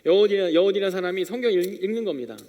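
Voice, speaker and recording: A young male youth pastor delivers a sermon in a relaxed, conversational way, acting out little exchanges as he tells everyday stories. His voice sits high for a man. It rings out with the long reverb of a church hall. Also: rapid-fire. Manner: conversational storytelling preacher, acting out little dialogues. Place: church sanctuary.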